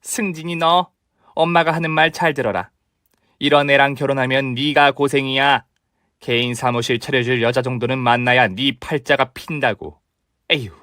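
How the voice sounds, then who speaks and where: A man's voice: mid-range voice, fairly bright tone, dry recording, studio quality, natural voice. A man voicing a snobbish, bossy older mother-in-law who talks down to everyone in a dramatized story reading. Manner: scolding, contemptuous.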